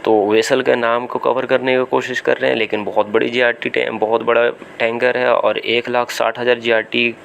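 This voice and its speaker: A man's voice: mid-range voice, flat delivery, moderate pace, gravelly, few pauses, fairly bright tone, slight background noise. A man with an Indian Hindi accent giving casual commentary over phone footage from a small vessel at sea, thinking aloud with restarts and fillers. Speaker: seafarer vlogger. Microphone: phone camera.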